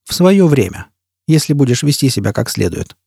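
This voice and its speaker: A man's voice: medium pitch, sing-song, brisk, creaky, warm tone, breathy edge, dry recording, studio quality, full character voice. A man voicing a cold, vengeful male interrogator with harsh, clipped commands. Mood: cold menace.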